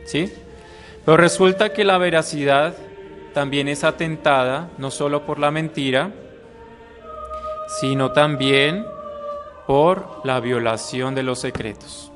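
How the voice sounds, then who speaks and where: A man's voice: on the high side, takes it slowly, pauses often, over music. A man, a priest teaching an adult catechism class to a live group in a conversational way. He often checks in with "mm?" and acts out short quoted voices. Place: room with a live audience.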